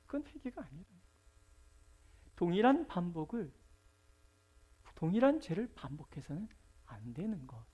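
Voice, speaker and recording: A middle-aged woman pastor delivers a sermon with a lively, swooping pitch. She talks in a colloquial, storytelling way. She swings from loud, emphatic lines to near-whispered asides. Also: breathy edge.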